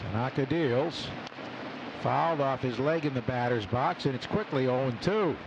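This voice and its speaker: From an open booth at an outdoor ballpark, a man delivers live play-by-play baseball commentary on radio amid loud stadium noise. His mid-range voice is gravelly and expressive at a normal speed, and the highs are cut off.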